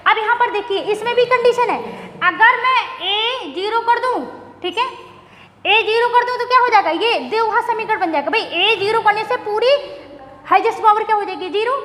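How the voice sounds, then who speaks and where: A woman's voice: extremely high pitch, a bit bright. A woman teaching a maths lesson who asks questions, answers them herself and repeats key terms. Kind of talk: classroom lecture. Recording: echoey room with faint noise.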